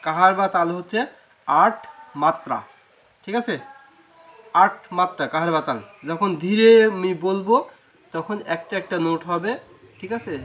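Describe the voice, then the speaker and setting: A man's voice: high-pitched, a bit bright, a little hiss or hum. A man with a Bangladeshi Bengali accent teaching a flute lesson, patiently explaining rhythm and singing sargam syllables, often checking "right?". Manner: sings sargam syllables slowly. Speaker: music teacher. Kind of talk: flute lesson, spoken instruction.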